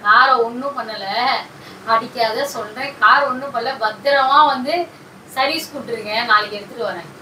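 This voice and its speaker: A woman's voice: on the high side, moderate pace, sharp tone. A woman pulling a prank at home, teasing and coaxing in a casual, playfully defensive way. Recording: roomy and distant with faint noise.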